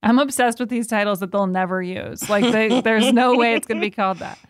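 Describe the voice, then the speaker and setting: A woman's voice: fairly high pitch, a little fast, no echo, studio quality. A woman from the United States, a podcast guest, chatting casually in a rambling, filler-heavy way and laughing easily. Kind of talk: casual chat.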